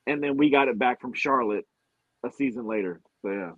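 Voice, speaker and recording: A man's voice: medium pitch, fairly quick, no room sound. A man co-hosting a podcast in casual, teasing chat. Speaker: podcast co-host. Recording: muffled narrow-band voice audio.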